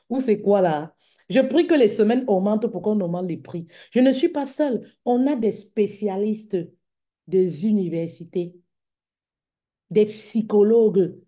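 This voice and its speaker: Woman business coach, mellow tone, lively repetitive pep talk to followers. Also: fairly low pitch. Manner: lively and repetitive, calls listeners "queens" and "mama". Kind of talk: casual livestream talk to followers.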